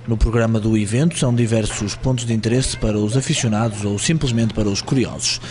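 A man's voice: fairly low pitch, steady tone, fast, a little mellow, a little hiss or hum. A man reading a formal, scripted news voice-over. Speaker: news reporter narrating.

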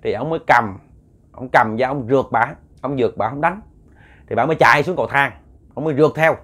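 A man's voice: medium pitch, a little fast, fairly bright tone. A man with a Southern Vietnamese accent narrates a late-night ghost story. He rambles with fillers and repeated words and speaks directly to his listeners.

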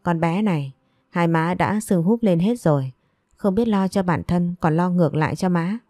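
A woman voicing a stern, scheming older mother in a romance story, speaking in a sharp, scolding way. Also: fairly low pitch, moderate pace, no echo, clean studio sound, natural voice. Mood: coaxing.

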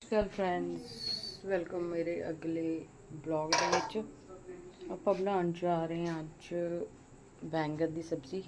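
A woman with a Punjabi accent and a fairly low voice narrates her day in a casual, chatty vlog style. She often talks half to herself as she keeps busy, and the homemade recording is very noisy. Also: steady tone, moderate pace. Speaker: home vlogger. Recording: noisy handheld home-video sound.

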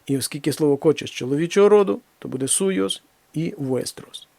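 Man teaching a language lesson, fairly high gravelly voice, slow careful examples, dry close sound. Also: darkish tone, no room sound. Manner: slow, deliberate reading of examples, then explains. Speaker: Spanish teacher.

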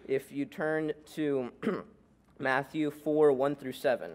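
A man's voice: mid-range voice, steady tone, slow, darkish tone. Earnest young man preaching a sermon. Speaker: youth preacher. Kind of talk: sermon with scripture reading. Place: indoors at a church pulpit. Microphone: gooseneck pulpit microphone.

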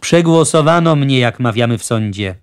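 A man's voice: medium pitch, expressive, normal speed, clear, resonant tone, natural voice. A man voicing a genial, talkative wealthy judge who persuades with fussy good humor. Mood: jovial.

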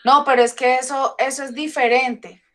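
A woman English teacher running an online class over a video call, warmly calling her pupils sweetheart and love. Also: high voice, steady tone, normal speed. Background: pupils joining in on the call.

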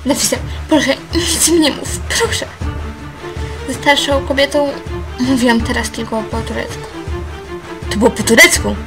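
Female storyteller reading her own fiction, a bit high, background music. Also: poor audio. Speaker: fan fiction reader.

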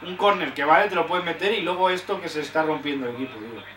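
A man's voice: on the high side, fast, far from the mic, a crowd in the background. A young man from Spain reacting to a live football match, frustrated and swearing often. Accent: Spanish from Spain. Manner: frustrated, swears often, shouts at big chances. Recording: roomy echo, off-mic.

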